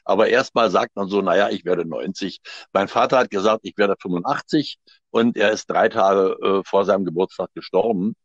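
A man in his seventies, a guest actor, talks by phone from home in a phone interview. His voice is low and moderately paced, and he hesitates, laughs, and hunts for his words. The phone line sounds dull and dry, with no echo.

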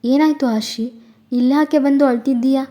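A woman voicing a calm young woman friend who gently reasons and consoles in an audio story. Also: high voice, normal speed, close to an everyday voice. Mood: consoling.

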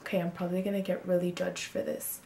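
Speaking fast with a flat, creaky yet warm voice of fairly low pitch, the twenty-two-year-old beauty vlogger chats frankly to camera about herself. Ums and likes fill this casual get-to-know-me video, shot indoors in a small bedroom with roomy acoustics.

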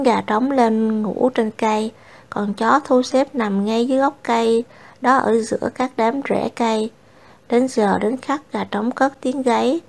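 Gravelly-voiced woman reading fables. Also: fairly high pitch. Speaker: storyteller. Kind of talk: reading children's fables aloud.

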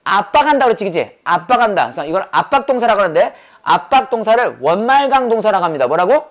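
A man teaching English grammar in a brisk lecture, drilling points over and over and firing rhetorical questions at his students. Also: high voice, very animated. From South Korea. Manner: quizzing with rapid rhetorical questions. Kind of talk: classroom lecture.

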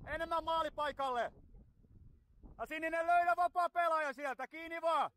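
A man coaching a youth football team from the sideline outdoors, loudly calling encouragement and instructions to his players. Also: extremely high pitch, fairly even intonation. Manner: loud, rapid encouragement and instructions.

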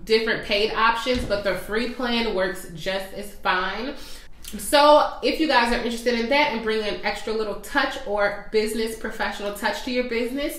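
Young woman, business vlogger, friendly and chatty, slightly high voice, roomy echo. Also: a bit bright. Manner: chatty, friendly, direct address with fillers. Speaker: small business owner and coach. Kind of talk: casual vlog talk to viewers.

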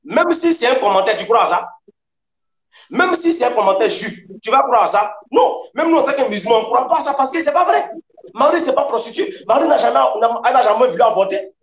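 A man with a high voice argues over a video call, lecturing and insistent. He presses his points again and again. His sound carries a noticeable room echo. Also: lively intonation, fast. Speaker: debater. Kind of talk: heated online debate.

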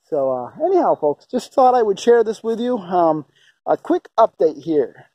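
A man's voice: high-pitched, big pitch swings, moderate pace, mellow, breathy edge, no echo, muffled recording. A man in his forties, recorded on a handheld camera at arm's length outdoors on a farm, talking casually and rambling with many fillers as he gives an enthusiastic walking tour. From upstate New York. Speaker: homestead vlogger.

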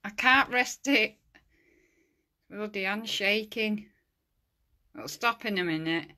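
A woman filming a casual ghost hunt on the stairs of her house, chatting and calling out loudly to spirits, recorded on a handheld phone. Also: mid-range voice, animated, takes it slowly. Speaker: amateur ghost hunter. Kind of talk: casual home ghost-hunting vlog.

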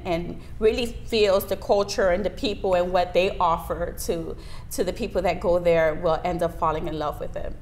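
With a voice on the low side, a woman from Miami who works as a lawyer gives conversational interview answers. She's seated at a desk in a small indoor video studio, recorded on a lapel mic, and the studio sound is noisy.

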